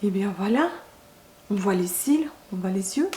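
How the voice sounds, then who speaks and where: A woman speaks in a relaxed, mellow voice. She chats casually like a beauty vlogger, hesitating and rephrasing as she goes. The room is echoey, with faint noise behind her. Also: mid-range voice, moderate pace. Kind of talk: casual makeup chat to camera. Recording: roomy echo, faint background noise.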